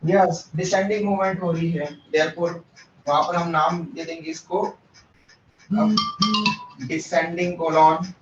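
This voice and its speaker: Higher-pitched man lecturing in an echoey classroom. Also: steady tone, takes it slowly, pauses often, over music. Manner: explains step by step and asks the class questions; mixes English terms into Hindi. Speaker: teacher. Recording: echoey room, distant mic, muffled.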